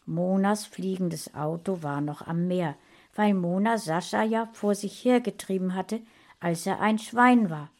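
A woman reading a fantasy story aloud in an even storytelling manner. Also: mid-range voice, unhurried. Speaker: audiobook reader.

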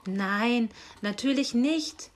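A woman's voice: fairly high pitch, extremely slow. A woman reading aloud and voicing an eager, cheeky young male apprentice.

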